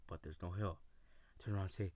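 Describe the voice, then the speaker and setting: Low-voiced man telling a story casually. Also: steady tone, a little mellow, dry recording. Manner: casual, halting, with many fillers and restarts; retells friends' lines in his own voice. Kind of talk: personal storytelling.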